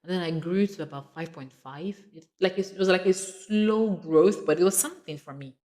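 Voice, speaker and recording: A woman with a low, deep voice talks through a tutorial on getting started as a tutor. She is chatty and repeats phrases as she goes, with laughs between points. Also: normal speed, darkish tone. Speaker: online English tutor. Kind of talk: casual tutorial talk.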